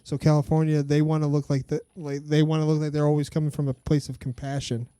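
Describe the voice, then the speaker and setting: A man's voice: on the high side, level tone, fast talker, mellow, clean tone, no room sound. A man hosting a podcast in casual chat, talking bluntly and swearing often. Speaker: podcast host.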